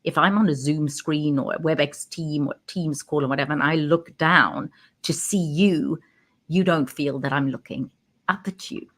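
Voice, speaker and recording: A woman who works as a communication coach, talking straight into her camera and stressing key words with pauses. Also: low voice, a bit bright. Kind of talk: direct-to-camera talk. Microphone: webcam.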